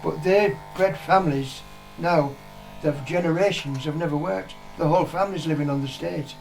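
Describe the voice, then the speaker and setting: A man's voice: a little high, moderate pace, gravelly, a little mellow, faint music behind, poor audio. An older man with a British accent, chatting casually and giving his opinions in a blunt, plain-spoken way. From United Kingdom. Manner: blunt, plain-spoken, swearing, repeating himself for emphasis. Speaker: interviewee, father of the vlogger.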